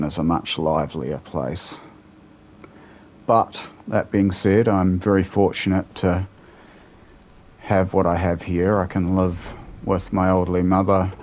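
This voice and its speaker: Playing a game from home, this young male streamer with a New Zealand accent chats with live viewers in a relaxed, wandering way, responding to chat between moments of play. He has a deep voice, with a little hiss or hum on the recording.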